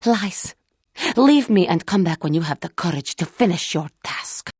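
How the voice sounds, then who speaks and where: Angry and defiant, this guilt-burdened fallen Jedi warrior from a fantasy game delivers solemn, formal lines with no contractions and lively intonation. She is proud, tormented and repentant, with a low, very husky, a little mellow voice. The dry, studio-quality recording has little room sound.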